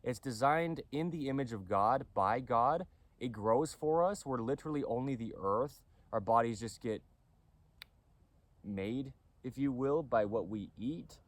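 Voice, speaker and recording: A man talks through how the body moves, in a casual, repetitive lecturing style and at a middling pitch. He keeps checking in with "okay?" as he goes. His voice sounds dry and close, with almost no room around it. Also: animated, unhurried, no room sound. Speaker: clothing company owner explaining anatomy.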